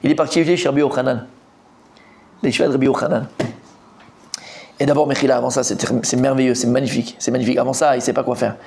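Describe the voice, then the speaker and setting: A man, a rabbi, teaching a Talmud class in a lively, repetitive storytelling manner that acts out the characters. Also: mid-range voice, gravelly, a little hiss or hum.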